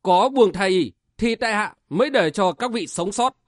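A man's voice: high voice, animated, fairly quick, a bit bright, no echo, clean studio sound. A man voicing a grim young swordsman hero in an audiobook, talking coldly and threateningly. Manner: cold, threatening.

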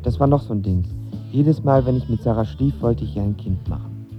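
Here a young man's mid-range voice moves briskly and sounds close to everyday speech as he portrays an impulsive, lovestruck youth recounting his romance. The audio drama style is intimate and reflective, recorded with a dull studio sound and background music.

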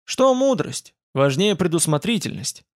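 A man's voice: high voice, sing-song, a little slow, dry recording, studio quality, pitched above the performer's own voice. A male audiobook narrator voicing a brash, boastful young companion in a fantasy story. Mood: cocky, boastful.

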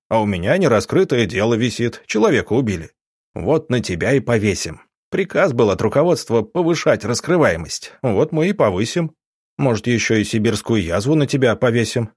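A man voicing a gruff police chief who barks harsh, mocking threats at a prisoner. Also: mid-range voice, very animated, brisk, darkish tone, no echo, studio quality. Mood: threatening. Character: gruff male police chief, menacing interrogator.

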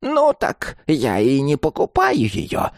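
A man voicing a cool, scheming old woman landlady who talks slowly and sweetly with a threat underneath. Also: a little high, huge pitch swings, no echo, studio quality, voice pushed up, exaggerated voice. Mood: coolly menacing.

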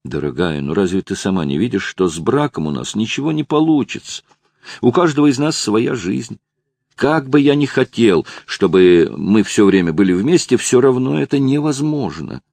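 A quiet, pleading man in love, as a narrator puts him on talks gently and low. His deep voice carries a creaky rasp. The recording is dry and close. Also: very animated, moderate pace, no echo, heavily acted.

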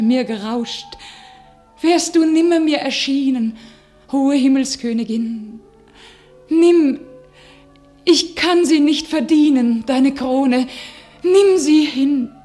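An actress playing a devout, guilt-ridden warrior maiden in a classical verse radio drama, solemn and declamatory. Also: female voice, sits high, exaggerated voice. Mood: sorrowful, exalted. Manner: declamatory, solemn, swelling from hushed to crying out.

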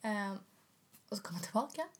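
A woman co-hosting a casual podcast, telling a story with lively energy and acting out what other people said. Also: medium pitch, a little hiss or hum. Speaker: podcast co-host. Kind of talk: casual chat.

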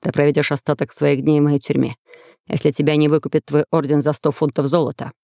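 A storyteller voicing a stern, commanding middle-aged sultan who speaks low, slow and severe, recorded dry and close. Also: male voice, flat delivery, vocal fry, mellow, no room sound.

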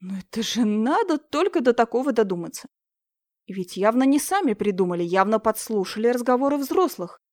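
A woman narrating an audiobook in an expressive, emotive reading style. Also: a little high, a little fast, no echo, clean studio sound.

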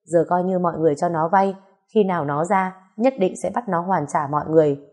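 A woman's voice: lowish voice, fast talker, mellow, natural voice. A woman reading the part of a firm, earnest middle-aged man pressing his mother. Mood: grave. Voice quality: earnest, persuasive.

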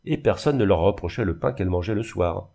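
Low, gravelly male narrator. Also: expressive, a little fast, dark tone. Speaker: reader. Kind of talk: scripted narration of a classic novel.

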